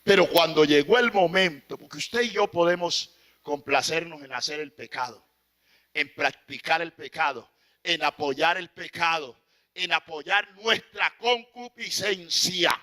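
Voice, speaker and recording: Male preacher, high bright voice, impassioned, loud-to-hushed sermon delivery. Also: a little slow.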